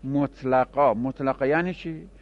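A man teaching a classroom grammar lesson, explaining step by step and answering his own questions. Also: medium pitch. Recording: dull lo-fi recording.

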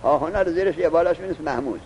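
A man teaches a lesson, reading the text slowly and stopping to quiz his student. His voice is warm and mellow and sits a bit high. A faint rumble runs underneath the recording. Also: dull audio. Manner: explains, asks the student questions, reads the text slowly. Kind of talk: classroom lesson.

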